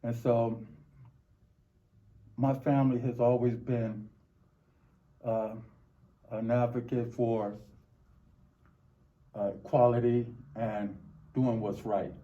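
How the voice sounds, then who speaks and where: A dull, slightly muffled recording of a middle-aged American man answering interview questions. His voice is very soft-edged and mellow. He speaks reflectively and haltingly, often repeating words as he searches for the next one. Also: mid-range voice, flat delivery, a little hiss or hum. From Los Angeles, United States. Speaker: interview guest.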